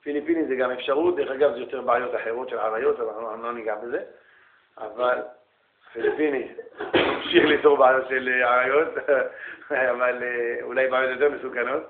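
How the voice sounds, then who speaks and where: A man lecturing as a rabbi, animated, calling listeners brother and asking rhetorical questions. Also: medium pitch, a little hiss or hum. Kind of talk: lively religious lecture. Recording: echoey room, tinny phone-like sound.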